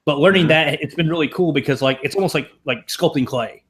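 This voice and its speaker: There's slight background noise as this young Tennessee man, whose voice is on the high side, talks briskly with a Southern accent. He's a programmer on a podcast, chatting in a rambling, self-deprecating way and swearing casually.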